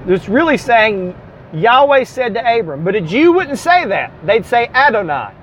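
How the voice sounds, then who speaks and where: A man's voice: very high voice, big pitch swings, measured pace, slight background noise. A man with a Southern US accent giving a classroom lecture on the Bible, explaining step by step, spelling out letters and correcting himself as he goes. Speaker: Bible teacher.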